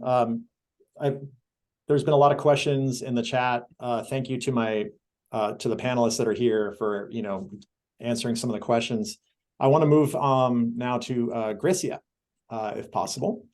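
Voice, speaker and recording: A man's voice: mid-range voice, moderate pace, darkish tone. A man moderating an online panel casually, handing over to speakers in a loose, rambling way full of "you know".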